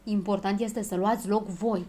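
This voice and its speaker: A woman's voice: mid-range voice, steady tone, dark tone, lightly acted. A woman reading aloud, voicing a fussy, obliging little male dwarf who talks politely and frets. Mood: fretful. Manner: polite, fretful and self-effacing.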